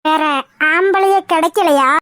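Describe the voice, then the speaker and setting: A woman's voice: extremely high pitch, a little slow. A woman voicing a haughty, scornful middle-aged mother-in-law in a cartoon, with a taunting, mocking delivery. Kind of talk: cartoon voice acting.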